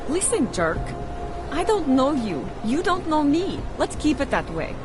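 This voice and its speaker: Music plays behind a prickly, suspicious video game passer-by. Her voice is fairly high and very animated, with a brusque delivery. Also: a little slow. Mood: hostile. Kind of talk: video game character dialogue.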